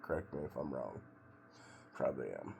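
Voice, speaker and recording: A middle-aged American man from Oregon rambling casually to a vlog in a laid-back, halting, musing way. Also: very deep voice, lively intonation, a little mellow. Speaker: vlogger doing a cold plunge challenge. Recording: clear background noise of water.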